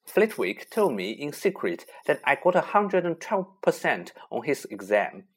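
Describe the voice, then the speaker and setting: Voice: medium pitch, sing-song, a little slow, slightly rough, voice pushed up. A reader doing a bookish, anxious schoolgirl. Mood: brisk.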